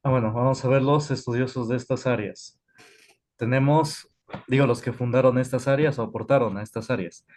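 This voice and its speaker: A man's voice: medium pitch, a little mellow. Man teaching a physics class. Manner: halting, frequent "este" fillers, self-correcting. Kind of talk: classroom lecture.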